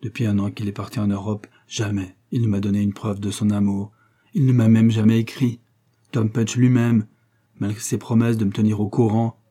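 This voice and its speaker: Man doing a lovesick young woman, plaintive, sighing, husky, mellow, audiobook. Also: lowish voice, little pitch movement, normal speed, lightly acted. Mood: sorrowful.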